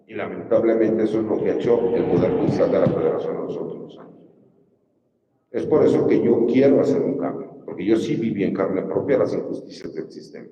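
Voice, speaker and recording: A man's voice: sits low, muffled recording, a little hiss or hum. A Mexican man giving an emphatic campaign speech as a judicial candidate, often putting rhetorical questions to his listeners. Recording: distant mic in a reverberant hall.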